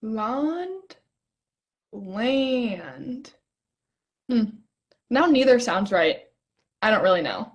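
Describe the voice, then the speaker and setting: A woman's voice: a little high, very animated, extremely slow, long pauses, heavily acted. A young woman acting a playful, curious stargazer in a stage play reading, teasing and eager. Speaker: actor in a rehearsed play reading.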